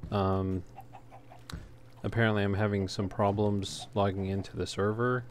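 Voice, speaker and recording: Background noise runs clearly through this home recording of a man narrating a gaming walkthrough off the cuff. His fairly low voice is flat and measured, and he sounds slightly hesitant.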